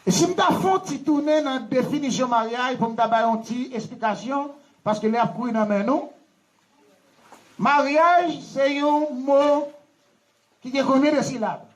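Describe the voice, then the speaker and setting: Man, Haitian accent, very high voice, pastor, wedding sermon, call-and-response, teacherly questions. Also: unhurried, long pauses, low-quality recording. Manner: call-and-response, asks the congregation to follow and repeat.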